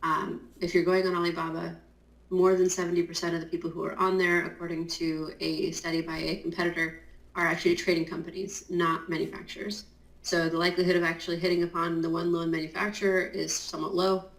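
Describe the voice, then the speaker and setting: A woman with a somewhat low voice, speaking in a chatty, explanatory way with plenty of fillers. She has a just-woken morning voice. Her voice carries a roomy echo. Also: flat delivery, fast talker. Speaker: guest, Amazon compliance consultant. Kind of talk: casual interview talk.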